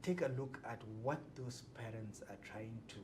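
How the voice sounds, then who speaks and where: A man giving casual answers as an interview guest, halting and pausing mid-phrase. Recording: clearly rumbly background noise.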